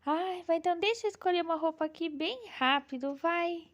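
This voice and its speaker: A woman's voice: very high-pitched, fairly quick. A woman voicing a cheerful little girl doll, with a sweet, whiny childlike voice.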